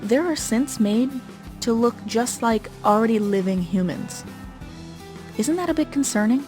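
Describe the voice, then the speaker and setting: A woman's voice: fairly high pitch, animated, a little slow, darkish tone, faint music behind. A woman voicing a tough, battle-hardened former military general in a video game, with a dry, direct and joking manner. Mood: questioning. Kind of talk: video game character dialogue.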